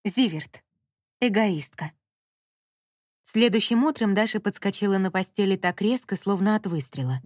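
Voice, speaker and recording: A woman reading an audiobook novel in a measured storytelling manner. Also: mid-range voice, lively intonation, darkish tone, no room sound, clean studio sound. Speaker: audiobook narrator. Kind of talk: scripted narration.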